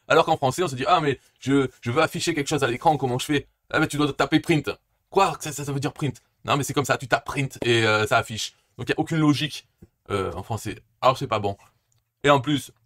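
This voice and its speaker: A man talks through a software tool in a loose, off-the-cuff way, trailing into asides and half-finished sentences. His pitch sits in the middle range, and he jokes as he goes. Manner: rambling, joking, with many restarts and asides. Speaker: YouTube tech presenter. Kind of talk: casual screen-recorded tech commentary.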